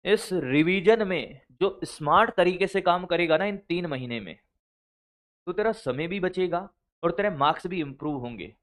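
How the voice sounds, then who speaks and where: Blunt high-voiced male teacher. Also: lively intonation, normal speed. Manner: scolding, blunt, addresses students as brother and son. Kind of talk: motivational study advice lecture.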